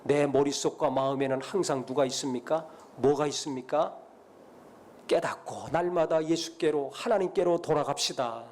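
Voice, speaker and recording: A man's voice: fairly high pitch, normal speed, a little mellow, a little hiss or hum. A male pastor preaching a sermon, dramatically retelling biblical scenes and rising to emphatic blessings.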